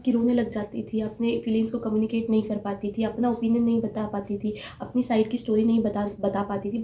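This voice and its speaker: A woman's voice: fairly high pitch, warm tone, slight background noise. Earnest woman coaching in an echoey room. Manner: earnest, repetitive, asks the viewer questions. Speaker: relationship coach. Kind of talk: direct-to-camera advice talk.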